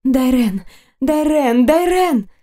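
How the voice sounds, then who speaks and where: A woman voicing a young female fairy heroine in an audiobook, with high, breathless exclamations. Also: animated, slow pace, warm tone. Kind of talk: audiobook character voice.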